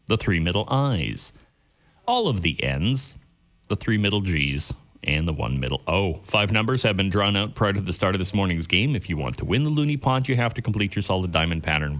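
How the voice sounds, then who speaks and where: A man working as a bingo caller on the radio, announcing rules and numbers in a deliberate, repetitive announcer's delivery. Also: lowish voice, fairly bright tone.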